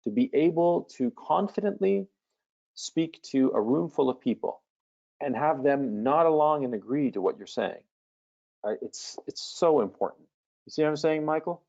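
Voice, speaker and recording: A man's voice: a little high, animated, normal speed, vocal fry, mellow. Blunt, casual man coaching callers in a live webinar, slightly lo-fi sound. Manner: blunt, casual, swears freely.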